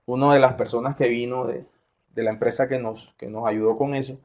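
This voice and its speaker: Brief: middle-aged man, Colombian coastal accent, chatty conference speaker, mid pitch, slightly dull recording. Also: fairly even intonation, fairly quick, darkish tone. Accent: Colombian coastal Spanish. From Colombian Caribbean coast. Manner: conversational, with frequent fillers and self-corrections. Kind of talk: conference talk.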